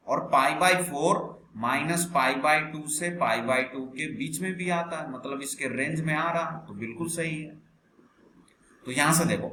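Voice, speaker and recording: A male maths teacher, explaining step by step and questioning his class patiently. His voice is bright and fairly high for a man. The room is echoey, with a faint hiss of background noise. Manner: patient, calls students 'beta', asks the class questions. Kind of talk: online class lecture.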